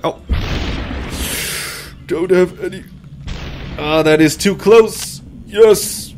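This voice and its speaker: Guy doing lets play commentary, higher pitched, unhurried, short excited bursts, game noise behind. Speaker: video game player and commentator. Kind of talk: casual let's-play commentary. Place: indoor room, seated at a computer.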